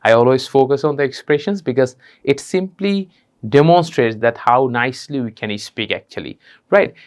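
A man's voice: medium pitch, very slow. Man teaching spoken English. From Bangladesh. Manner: mixes Bengali and English, models phrases with expressive repetition.

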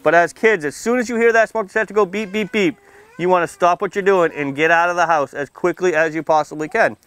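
A firefighter's voice sits high, brisk, a bit bright and clean as he talks to children outdoors under a tent canopy next to a building. His simple, interactive safety talk for the small seated audience is full of playful teasing, frequent questions, and check-ins such as "okay" and "right."

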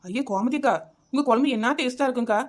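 A woman's voice: high voice, quick pace. [name], a woman voicing a nosy village woman. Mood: chatty. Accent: Kanyakumari Tamil. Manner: chatty, meddling. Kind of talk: cartoon comedy voice acting.

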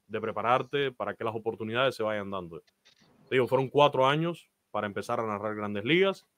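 With no room sound at all, a lowish, slightly bright voice comes from a Cuban man in his thirties, a baseball announcer telling his career story as an interview guest. He talks earnestly and gives advice on a video call from a small indoor room, using "eh" often in his Cuban Spanish accent.

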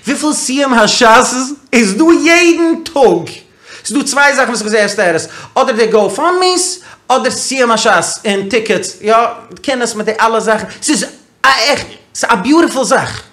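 A man talking as a podcast guest, telling a story in a casual, animated way and asking a lot of rhetorical questions. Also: extremely high pitch, normal speed. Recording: roomy echo.

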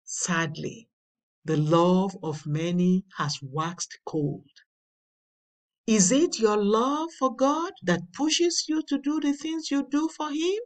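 A woman slowly reading a daily devotional with scripture passages, deliberate and emphatic. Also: mid-range voice, recorded from a distance. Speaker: devotional reader. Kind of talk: slow read devotional with scripture.

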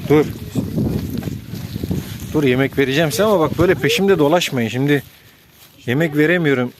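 A man with a fairly high, brisk voice vlogs outdoors while feeding his dogs. He gives the dogs firm commands and tosses casual asides to his viewers. The outdoor recording is noisy.

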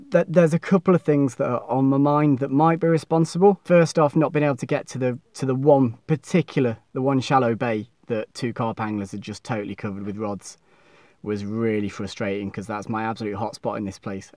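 A man's voice: medium pitch, steady tone, brisk, a little mellow, no room sound. A young man vlogging outdoors beside a lake, talking frankly and self-critically with frequent restarts. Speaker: fishing vlogger. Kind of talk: casual outdoor vlog talk.

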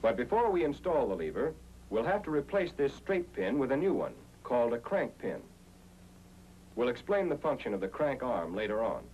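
An American man with a medium-pitched, darkish voice narrates a 1940s-style military training film, his pitch swinging widely at a moderate pace. He explains methodically, step by step, and the muffled recording carries the noise and hum of old film audio.

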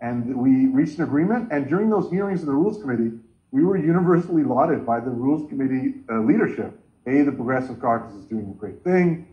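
A man's voice: medium pitch, lively intonation, brisk. A man in his forties chairing an online meeting from a home room, talking earnestly and gesturing with his hands. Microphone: video call. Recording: dull lo-fi sound from a laptop.

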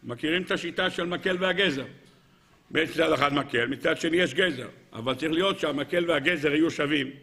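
A man teaching as a rabbi, telling a parable in a lively way and asking his audience rhetorical questions. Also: on the high side, creaky. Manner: lively storyteller who acts out characters. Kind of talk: Torah lesson with a parable.

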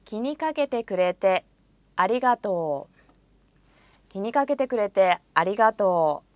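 In a dry studio recording, a woman with a medium-pitched, expressive and slightly mellow voice reads example phrases for a language course. She says each phrase with careful, deliberate pronunciation, then repeats it.

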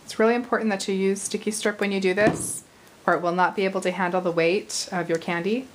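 A chatty woman in her thirties walks through a paper craft at her table, her voice slightly hoarse as if she is losing it. Her pitch sits mid-range for a woman. A faint hiss and small clicks of paper and tools sit under her voice. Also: fairly even intonation, fast, rough recording. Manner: chatty, apologetic asides, talks while working. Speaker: crafting tutorial host. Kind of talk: casual crafting tutorial. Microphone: camera at arm's length over the craft table.

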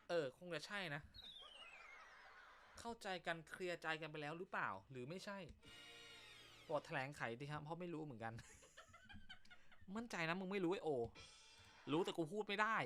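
Bright, lively joking male host. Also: a little high, moderate pace, pauses often, faint music behind. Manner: crude slang, teasing banter. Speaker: comedy show host. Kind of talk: casual joke-telling chat.

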